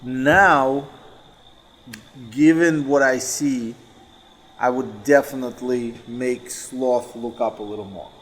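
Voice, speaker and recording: A man telling stories in a relaxed group conversation, rambling and often correcting himself mid-sentence. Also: mid-range voice, takes it slowly, low-quality recording. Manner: rambling, self-correcting storyteller. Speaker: dancer and co-host. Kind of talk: casual chat.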